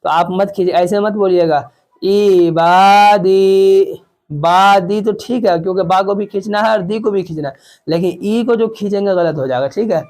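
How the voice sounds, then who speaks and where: A man teaching Quran reading, spelling out syllables slowly and patiently asking and answering his own questions. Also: sits high, a little mellow. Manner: patient, repeats questions and answers them himself. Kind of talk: spelling-out lesson with drawn-out syllables.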